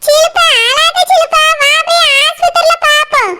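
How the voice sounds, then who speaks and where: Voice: very high-pitched, level tone, background noise. A voice actor playing a kindly fish-seller aunty with a Kanyakumari Tamil accent, asking questions and consoling a neighbour in a cartoon. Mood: concerned. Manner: slow, coaxing, consoling. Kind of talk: cartoon voice acting.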